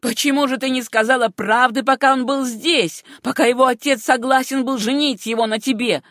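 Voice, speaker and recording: A scornful middle-aged uncle who scolds and bullies, loud and cutting in every line, as a woman reads him. The voice sits a touch above a usual male register and sounds close and dry. It is audiobook reading rather than full acting. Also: high-pitched, steady tone, brisk, no room sound, pitched above the performer's own voice. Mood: angry scolding. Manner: harsh, scolding, contemptuous.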